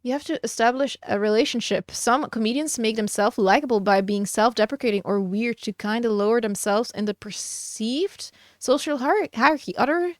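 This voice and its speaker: A woman's voice: on the high side, dry recording, studio quality. A woman streamer chatting casually and giggling while she draws on stream. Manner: slow, musing, giggly.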